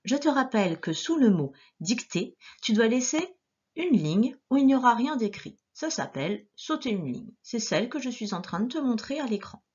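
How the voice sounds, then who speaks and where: A woman teacher giving a dictation lesson to young children, sounding out each syllable slowly and clearly. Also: mid-range voice, darkish tone, lo-fi sound. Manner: slow, clearly articulated syllables with gestures.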